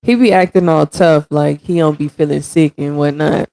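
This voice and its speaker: A woman in her thirties hosts a casual livestream, sounding congested and raspy-throated as she chats with viewers and reads their comments aloud. Her low, mellow voice stays steady at normal speed, with no room sound.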